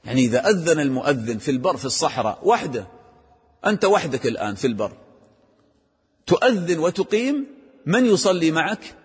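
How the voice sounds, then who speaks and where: A man, teaching a group of boys the call to prayer and chanting the phrases slowly to show them how. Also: fairly high pitch, sing-song, breathy edge, long reverb tail. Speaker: religious teacher.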